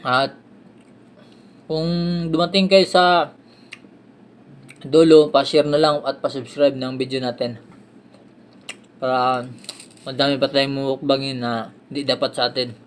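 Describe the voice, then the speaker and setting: A man's voice: mid-range voice, flat delivery, a little slow, long pauses. A man, chewing while he talks casually to his viewers as an eating vlogger. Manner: chatty, addresses viewers as guys. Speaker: mukbang vlogger.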